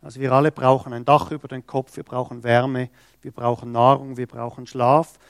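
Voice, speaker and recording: A man's voice: medium pitch, little pitch movement, gravelly, no room sound, studio quality. A man preaching a sermon, reading scripture and stressing quoted words with emphasis. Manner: slow, emphatic, acts out quoted speech.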